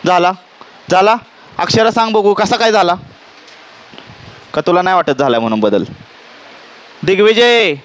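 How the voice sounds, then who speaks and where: A man's voice: high-pitched, a bit bright. A man teaching a physics class, asking the students questions again and again, teasing them playfully and mixing English terms into his talk. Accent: Marathi. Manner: questioning, checks understanding often; mixes English terms into Marathi.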